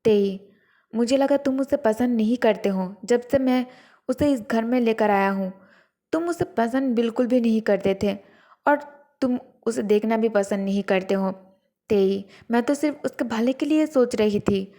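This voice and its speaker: A woman voicing a scheming young wife who feigns innocence and pleads softly in her own defense. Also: on the high side, measured pace. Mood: pleading.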